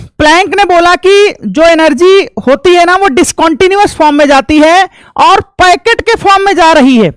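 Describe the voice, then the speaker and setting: High-voiced man teaching physics. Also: moderate pace, fairly bright tone, no room sound. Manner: repeats each point as a question and then answers it; homely, folksy explanations with sound effects. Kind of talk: classroom lecture.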